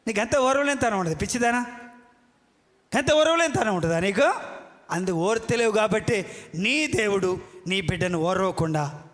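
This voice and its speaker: A man's voice: sits high, lively intonation, normal speed, pauses often, a bit bright. A man preaching a fiery sermon, scolding and calling out questions to the congregation. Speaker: pastor. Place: church hall. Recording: echoey church hall.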